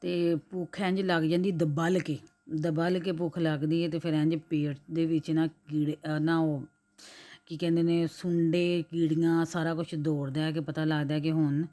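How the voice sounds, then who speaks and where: A woman in her forties with a Punjabi accent chats through her day in a low, mellow voice. She is hoarse from a flu and clears her throat now and then. She rambles easily from one thing to the next. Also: flat delivery, unhurried. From Pakistan. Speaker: cooking vlogger. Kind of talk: casual chatty vlog narration.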